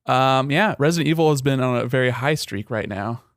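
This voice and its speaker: A man co-hosting a casual gaming podcast, eager and quick as he runs through his picks. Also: mid-range voice, no room sound, clean studio sound. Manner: eager, quick, running commentary. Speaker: podcast co-host.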